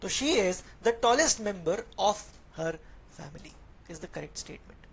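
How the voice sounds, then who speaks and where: With an Indian accent, a woman teaches English grammar in an online class, moving between Hindi and English as she questions her students and reads their chat. Her lowish voice is creaky and husky, with lively intonation and a very slow pace. She explains patiently.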